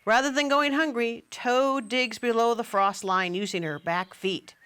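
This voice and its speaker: Woman author, storybook read-aloud, bright and slow-paced. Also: fairly high pitch, fairly even intonation, clear, resonant tone. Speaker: children's book author.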